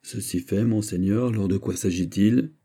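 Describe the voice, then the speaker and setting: A man's voice: on the low side, normal speed, creaky, dark tone, breathy edge. A man voicing a fawning, middle-aged prison governor in an audiobook reading, speaking deferentially.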